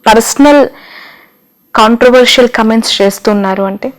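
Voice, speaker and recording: A man's voice: extremely high pitch, normal speed, low-quality recording. A man interviewing a guest, asking brief, pressing questions and giving short acknowledgements.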